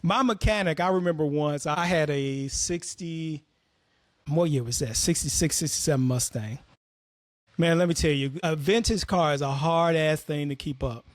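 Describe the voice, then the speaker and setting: A man's voice: on the high side, moderate pace, no echo. A man hosting an opinionated commentary monologue, talking bluntly and profanely as he tells stories. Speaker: host.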